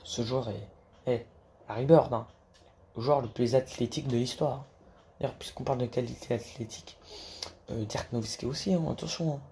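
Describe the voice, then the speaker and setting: Guy chatting casually about hoops, lots of restarts, kinda dark voice, a bit of hiss in the room. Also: mid-range voice, a little fast, gravelly. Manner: hesitant, many restarts and fillers, swears casually. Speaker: basketball YouTuber. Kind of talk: casual rambling monologue to camera.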